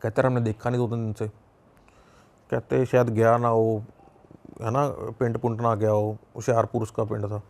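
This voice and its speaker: A man's voice: mid-range voice, level tone, normal speed, darkish tone. A young Punjabi man with a Punjabi accent, telling a personal story in a casual, rambling way with many restarts. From Punjab, India. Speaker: podcast guest.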